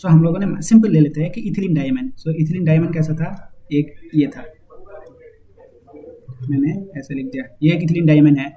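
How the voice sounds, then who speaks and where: Man teaching chemistry, slightly dull audio. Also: on the high side. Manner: explains step by step, mixing English terms, dictates slowly. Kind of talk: whiteboard lecture.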